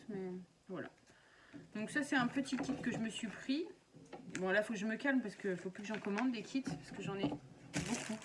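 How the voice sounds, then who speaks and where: A craft vlogger at home casually shows viewers the craft supplies she bought, chatting in an unboxing style full of hesitations. Her voice is mid-range, and the background is noisy.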